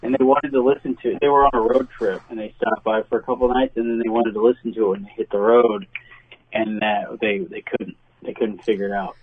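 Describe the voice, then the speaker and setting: Husky man on a tinny phone line. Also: on the low side, fairly even intonation, a little fast, no echo. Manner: hesitant, dry, filler-heavy. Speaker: podcast guest. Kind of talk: casual podcast chat. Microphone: phone call.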